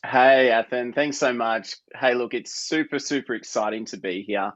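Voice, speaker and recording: A man's voice: mid-range voice, moderate pace, fairly bright tone, highs cut off. A man from New South Wales with an Australian accent, a guest chatting upbeat and casually from his home office over a video call, with plenty of filler words. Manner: upbeat, chatty, many fillers like "look" and "hey". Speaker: guest entrepreneur. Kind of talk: casual interview chat.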